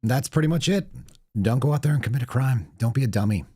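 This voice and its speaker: An American man hosting a casual solo talk show, his voice raspy, reedy and hoarse. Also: mid-range voice, fast talker, dark tone, no echo, studio quality. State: hoarse, voice partly lost. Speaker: podcast host.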